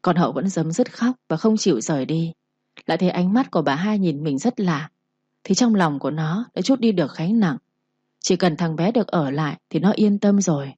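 A woman's voice: fairly low pitch, animated, fairly quick, warm tone, breathy edge, no echo, dull audio. A woman narrating a story aloud and reading every character's lines in her own voice.

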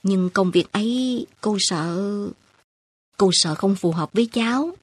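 A woman voicing a kindly, practical middle-aged woman street sweeper with a husky voice. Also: medium pitch, slow. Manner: homely, practical reassurance.

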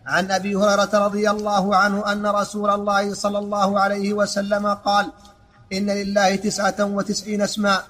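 High-voiced man reciting in a monotone. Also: a little fast. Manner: flat, even recitation with stumbles and restarts. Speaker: student reading the text aloud. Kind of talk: reciting a classical text in a lesson.

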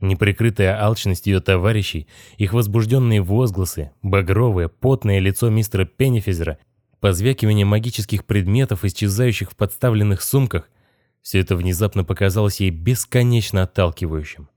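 A man narrating an audiobook in a measured, even storytelling manner. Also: lowish voice, dry recording, clean studio sound. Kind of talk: scripted narration.

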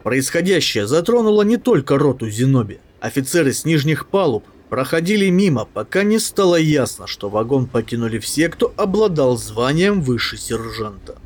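Male audiobook narrator, lively pitch, dramatic reading. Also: moderate pace, hardly any pauses.

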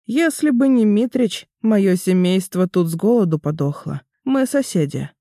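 A man voicing a calm, wry male demon warrior who speaks in a reasoning way, in an audiobook. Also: sits high, moderate pace, no room sound, studio quality. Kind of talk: audiobook character voice.

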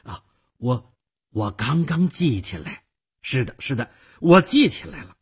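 A man with a husky voice voicing an arrogant, long-haired young male ticket clerk in a radio story reading. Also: mid-range voice, very animated, unhurried, full character voice. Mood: stammering. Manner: cocky, then stammering when frightened.

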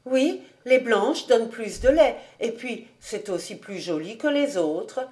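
A woman reading an audiobook, voicing a sweet, timid young farm girl who talks quickly and eagerly. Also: fairly high pitch, lively intonation, darkish tone.

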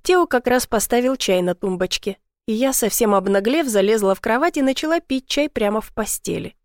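A woman's voice: fairly high pitch, expressive, brisk, no echo, clean studio sound. A woman narrating a first-person romance story in an intimate, emotional way. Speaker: audiobook narrator.

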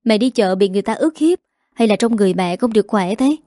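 A woman voicing a young office worker, a worried daughter who pleads gently, in a mellow dry voice. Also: medium pitch, expressive, fast, no echo, close to an everyday voice.

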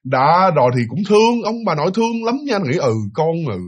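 A man with a Southern Vietnamese accent casually tells a ghost story, speaking directly to his listeners and using lots of fillers. His voice is high-pitched and a little fast, his manner animated, and the recording sounds muffled.

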